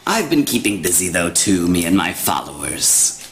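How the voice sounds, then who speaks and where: A man's voice: sits low, big pitch swings, moderate pace, fairly bright tone, soft background music, voice pushed down, full character voice. A man voicing a scheming old hag who mocks and threatens, with cackling laughs. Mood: gloating. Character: scheming old female hag, mocking and menacing.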